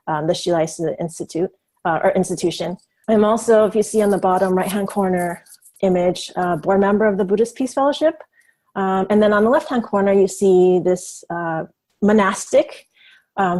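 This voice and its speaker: A woman, raised in the United States, giving an informal webinar talk as a professor, thoughtful and often pausing with ums and small self-corrections. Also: medium pitch, darkish tone. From Taiwan, raised in the United States. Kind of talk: informal online presentation.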